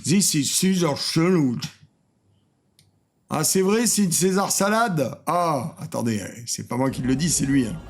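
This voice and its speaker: A man hosting a casual reaction commentary, sarcastic and self-mocking, often trailing off into quiet muttered asides. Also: a little high, animated, moderate pace, hardly any pauses. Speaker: host reacting to cooking videos.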